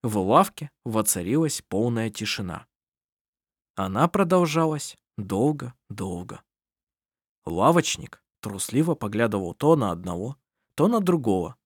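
A man reading a novel aloud as audiobook narrator, in an expressive storytelling manner. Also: fairly low pitch, a little slow, breathy edge, no room sound, studio quality. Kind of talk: scripted narration.

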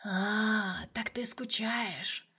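A sneering inner shadow speaks in a hushed, slightly raised voice, as a woman puts it on for an audiobook. It mocks and scolds in soft, needling tones. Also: a little high, steady tone, unhurried, slightly rough. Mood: mocking. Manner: mocking, hushed. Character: snide inner shadow, second self.

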